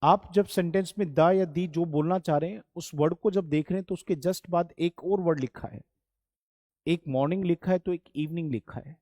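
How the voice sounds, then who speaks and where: A man's voice: fairly high pitch, normal speed, warm tone, no echo, clean studio sound. Patient Indian man teaching grammar. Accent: Indian English. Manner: patient, repeats key points, addresses students as children. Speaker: English teacher. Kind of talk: classroom-style grammar lesson.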